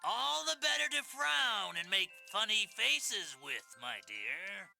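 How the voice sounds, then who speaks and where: An actor voicing a gruff, grating grouch posing as a bird grandmother in a children's storybook, sneering and argumentative. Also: medium pitch, sing-song, takes it slowly, bright, forceful tone, soft background music, heavily acted. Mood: mock-sweet grumbling.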